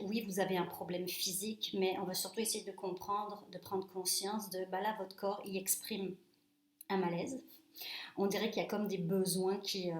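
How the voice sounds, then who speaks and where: A woman in her forties from France, introducing her reflexology practice in a relaxed, hesitant way with many fillers. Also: mid-range voice. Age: 40s. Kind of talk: casual self-introduction to camera. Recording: echoey room.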